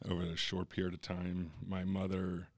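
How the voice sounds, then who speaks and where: An earnest man from Kentucky, interviewed as a podcast guest, speaks openly and steadily about his life. His voice sits low, and the recording is dry and close with no room sound. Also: completely flat delivery, moderate pace, vocal fry, no echo. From US Midwest, Kentucky. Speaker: guest, entrepreneur. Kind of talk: candid interview storytelling.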